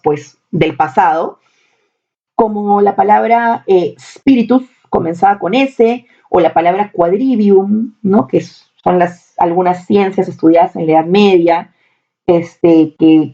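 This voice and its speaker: A woman's voice: on the low side, mellow, muffled recording. A woman teaching a recorded spelling lesson, stressing points by repeating key words.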